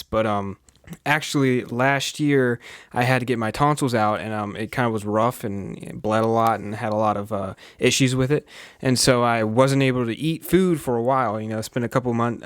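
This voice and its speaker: A man's voice: medium pitch, no room sound, clean studio sound. A young man hosting a reaction video, chatting casually and sympathetically with plenty of ums. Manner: relaxed and sympathetic, with many ums and asides.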